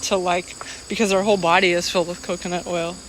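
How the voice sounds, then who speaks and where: This trail vlogger talks fast in a fairly low, flat voice, rambling casually and leaning heavily on "like" as filler. Insect buzz and other nature sounds fill the noisy outdoor recording.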